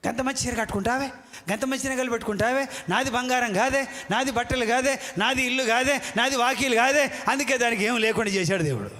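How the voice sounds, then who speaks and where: A man's voice: very high-pitched, fast talker, sharp tone. A man preaching a fiery sermon, scolding and calling out questions to the congregation. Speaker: pastor. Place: church hall. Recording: echoey church hall.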